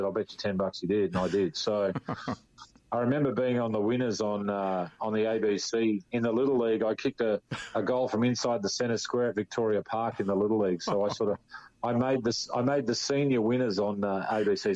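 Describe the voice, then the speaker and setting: A man's voice: lowish voice, a little mellow, muffled recording. A man in his fifties with an Australian accent, a guest in an interview, telling long rambling stories full of restarts and "you know". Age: 50s. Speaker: interview guest, former footballer. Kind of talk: relaxed storytelling.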